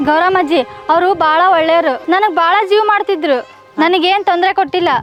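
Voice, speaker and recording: Actress as young pushed-into-marriage bride, North Karnataka accent, high and quick. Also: female voice, fairly bright tone, faint music behind. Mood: earnest. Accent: North Karnataka Kannada. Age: young adult. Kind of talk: short film acting.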